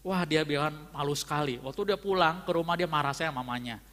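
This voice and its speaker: A man's voice: on the high side, a little fast, a bit bright. A man preaching a fervent sermon and telling a story, often calling out to his listeners as brethren. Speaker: pastor. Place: church hall. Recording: long church-hall reverb.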